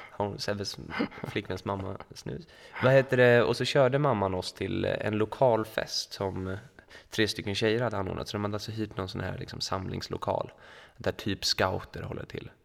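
A man's voice: lowish voice, fairly even intonation, gravelly, few pauses, in a large hall. A young man co-hosting a podcast, telling a long party anecdote in casual chat, full of fillers and acted-out quotes. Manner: rambling anecdote with many fillers and quoted dialogue. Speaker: podcast co-host. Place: school room.

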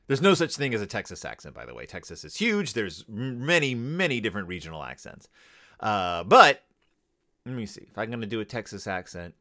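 On his podcast, a man with a lowish voice talks a little fast in a sing-song, pushed, bright way. His casual, comedic review of a children's book rambles, wanders off on digressions and keeps circling back to correct itself.

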